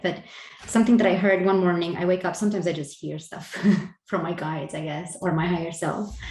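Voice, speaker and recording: A woman's voice: lowish voice, a little mellow. A woman co-hosting a casual spiritual conversation, earnest, laughing lightly between phrases and restarting her sentences. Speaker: podcast co-host. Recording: roomy echo.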